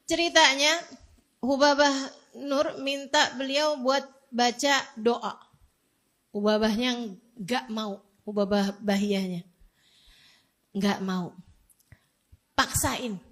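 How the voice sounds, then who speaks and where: A woman in her forties, an Indonesian preacher, telling a personal story in a lively, self-mocking way. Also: on the high side. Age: 40s. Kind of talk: storytelling religious talk.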